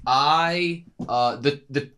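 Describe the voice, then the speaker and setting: Man, casual reaction chat, bright tone, joking, rambling. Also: fairly high pitch, very slow. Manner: joking, rambling, thinks aloud. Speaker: co-host reacting to anime.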